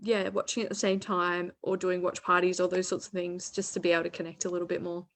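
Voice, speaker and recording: A young woman, co-hosting a casual chat about relaxing media, bubbly and quick to laugh. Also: lowish voice, level tone. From Australia. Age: young adult. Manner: bubbly, laughs often, says "like" a lot. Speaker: co-host.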